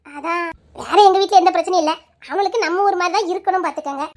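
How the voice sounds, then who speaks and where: A woman's voice: extremely high pitch, fast, darkish tone. A woman playing a blunt, gossipy older village mother of the groom. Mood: scolding. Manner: scolding, gossipy, preachy.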